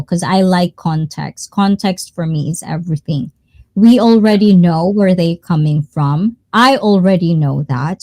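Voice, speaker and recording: A woman's voice: lowish voice, warm tone, no room sound. A woman hosting and moderating a casual live group chat.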